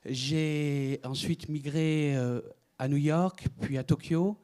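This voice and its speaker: A man's voice: a little high, steady tone, takes it slowly, warm tone, clean tone. A middle-aged man from France giving a conference talk, hesitant, with many fillers and restarts. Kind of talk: conference presentation.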